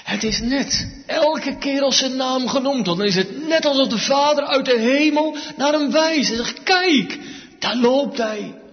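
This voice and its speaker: Preacher guy, high voice, slow and emphatic, echoey church, kinda muffled. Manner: slow, emphatic preaching with wide swings in pitch and loudness. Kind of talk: sermon. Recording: dull sound with long reverb, church hall.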